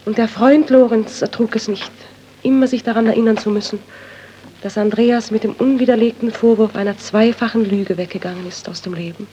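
A grieving widow, earnest and sorrowful, haunted by guilt, as a woman acts her out. Her voice is fairly high, with a faint hiss behind it in an old radio play. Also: fairly even intonation, a little fast, mellow, close to an everyday voice. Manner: earnest, sorrowful, turns to anguished pleading. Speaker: doctor's friend's widow. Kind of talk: 1930s radio acting.

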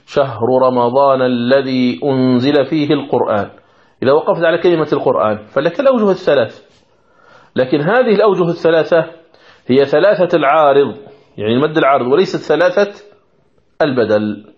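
A man teaching Quranic recitation from a textbook, explaining rules patiently step by step and repeating examples. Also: mid-range voice. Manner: asks the listeners questions, then answers them. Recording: dull lo-fi recording.

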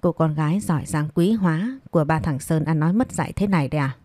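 A woman's voice: low voice, fast, warm tone, no echo. A woman voicing a spiteful, scheming middle-aged mistress who taunts and sneers. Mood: sneering.

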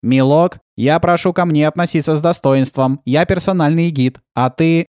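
Narrator doing a stuck-up robot guy, slow and pleased with himself, raised pitch, dry sound. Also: a little mellow, clean tone, no echo, close to an everyday voice. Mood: huffy. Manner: slow, self-important. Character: pompous male robot guide, proud. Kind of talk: audiobook role-play.

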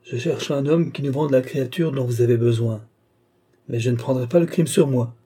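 A guarded, devoted disciple, read by a male narrator answers in a steady and respectful way. His voice is mellow and slightly husky, and he stays calm under pressure. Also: mid-range voice. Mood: earnest. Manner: measured, respectful, restrained. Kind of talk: audiobook character reading.

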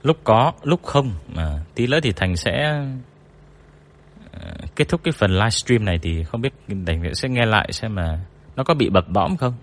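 A man hosting a storytelling livestream in casual chat, reading viewer comments aloud and joking about himself in a deep, low voice. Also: animated, normal speed.

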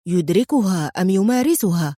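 A woman's voice: medium pitch, animated, normal speed, warm tone, slightly rough, no room sound, studio quality. A woman reading the lines of a stern, sarcastic army general in an audiobook story, speaking clipped and severe. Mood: curt. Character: stern proud army general, mocking then guarded.

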